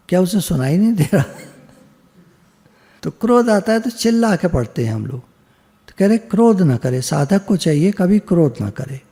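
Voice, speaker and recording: A man's voice: fairly high pitch, vocal fry, mellow, slightly rough, long reverb tail. A man giving a plain, practical devotional discourse in a conversational teaching manner. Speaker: spiritual teacher.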